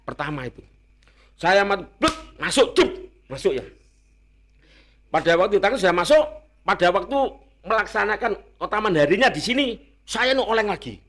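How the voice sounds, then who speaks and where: A man with an East Javanese accent telling his own story as an interview guest, blunt and rough-spoken, earnest and repeating that he is being honest. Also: high voice, big pitch swings, moderate pace, fairly bright tone. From Indonesia. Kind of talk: candid personal storytelling.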